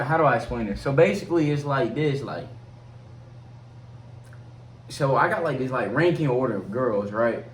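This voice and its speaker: A man's voice: medium pitch, recorded from a distance. A young man, a guest co-host who talks in a hesitant, rambling way full of fillers. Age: young adult. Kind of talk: casual chat. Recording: echoey room, off-mic, faint hiss.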